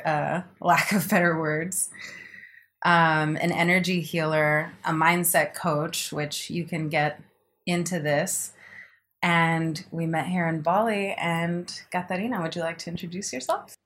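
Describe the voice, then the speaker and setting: A woman's voice: lowish voice, a bit bright. A young woman hosting a podcast interview, chatty and upbeat, with a loose, rambling delivery. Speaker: podcast host. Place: indoor room in Bali.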